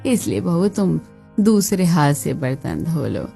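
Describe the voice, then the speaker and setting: Brief: woman voicing a scolding cartoon mother-in-law, mellow and lowered, soft music under. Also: big pitch swings, measured pace, creaky, exaggerated voice.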